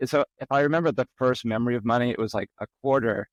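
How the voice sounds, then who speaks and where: Talking fast in a mid-range voice, a middle-aged Boston-area man rambles through personal stories as a podcast guest, with lots of ums in this casual interview. There's no room sound, and the highs are cut off.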